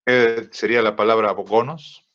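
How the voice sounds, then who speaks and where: Guy teaching a software class, low voice, slow and halting, dull muffled audio. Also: steady tone. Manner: slow, halting, many fillers and rhetorical checks. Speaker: design teacher. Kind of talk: software tutorial lesson.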